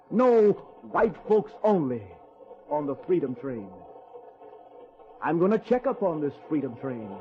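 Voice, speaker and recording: An earnest American everyman speaks in a high, exaggerated voice with a folksy dialect, reciting in a rhythmic, theatrical way like an old-time radio drama. His mood is one of wary hope, and the dull recording sits over music.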